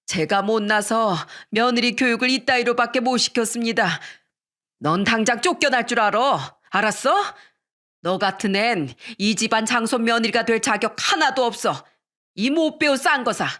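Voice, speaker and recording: A woman's voice: a little high, moderate pace, fairly bright tone, lightly acted. A woman voicing a domineering older mother-in-law who scolds with contempt, in a radio story reading. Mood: indignant.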